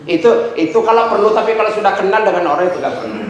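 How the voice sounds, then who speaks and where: Middle-aged man with a lilt and a high voice, a chatty, joking ustadz lecturing on preaching, booming echo. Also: animated, fast talker, highs cut off, a crowd in the background. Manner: chatty, joking, acts out examples with shifting pitch. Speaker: ustadz teaching a class on preaching. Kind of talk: casual lecture with jokes and asides. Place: large echoey hall. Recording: very echoey room recording, faint noise.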